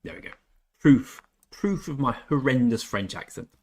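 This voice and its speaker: A young Englishman chats casually on a game stream, reading chat aloud and joking at his own expense. His mid-range voice swings widely in pitch at a normal speed, with a darkish tone and a breathy edge.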